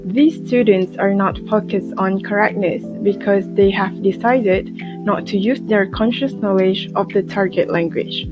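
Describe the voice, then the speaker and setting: A woman's voice: mid-range voice, steady tone, unhurried. Woman reading a class project script. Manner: reads a prepared academic script. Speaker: student presenter. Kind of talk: scripted narration. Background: guitar music.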